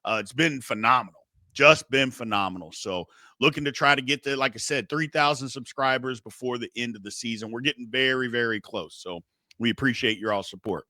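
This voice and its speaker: A man's voice: medium pitch, a little fast, pushed and bright, no room sound. A middle-aged man hosting a sports show, giving blunt, emphatic, casual opinions and repeating his phrases for effect.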